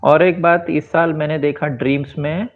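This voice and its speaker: A man's voice: fairly high pitch, fairly even intonation. A man in his forties from India, giving a rambling, reflective personal monologue and slipping into English phrases. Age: 40s. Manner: rambling, switches into English phrases, fills pauses with asides. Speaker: vlogger and author. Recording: tinny phone-like sound.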